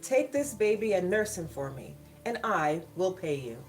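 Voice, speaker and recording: A woman voicing a compassionate royal princess who gives gentle, plain orders in a storybook reading. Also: on the low side, very animated, unhurried, far from the mic. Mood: gently directing. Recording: background music behind the voice.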